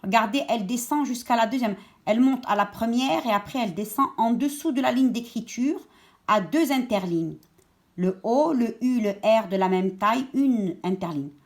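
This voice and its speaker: A woman teaching young children, saying each word slowly and twice while giving step-by-step instructions. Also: on the high side. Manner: slow, deliberate, repeats each word twice and stresses sounds. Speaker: schoolteacher. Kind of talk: remote lesson for young children.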